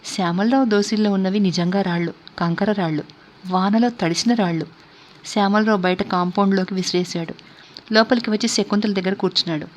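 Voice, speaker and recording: Woman storyteller, steady measured narration, mid-pitched. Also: slight background noise.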